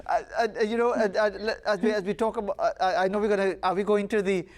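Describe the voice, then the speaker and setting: A man with a high voice hosts a live morning TV interview. He talks haltingly, restarting his sentences as he guides the segment. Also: steady tone. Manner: hesitant, many restarts and fillers. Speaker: morning show host.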